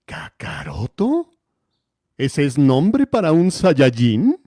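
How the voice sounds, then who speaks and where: A man voicing an arrogant, cold alien tyrant from a cartoon, with a haughty, menacing, measured delivery. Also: medium pitch, huge pitch swings, warm tone, no room sound, clean studio sound, pitched above the performer's own voice, full character voice. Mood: recalling, surprised. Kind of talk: cartoon villain dub parody.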